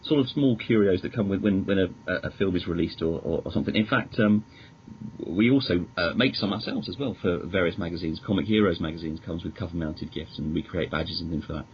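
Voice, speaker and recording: In a voice that sits low and moves a little fast, a British man who edits a magazine chats casually on a podcast. He rambles and hesitates, though with real enthusiasm, and the lo-fi audio is dull and noticeably noisy.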